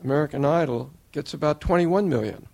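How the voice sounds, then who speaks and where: An older man giving an earnest, measured tribute as interviewer, laying out his points one by one. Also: on the high side, gravelly, darkish tone. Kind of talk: formal tribute speech.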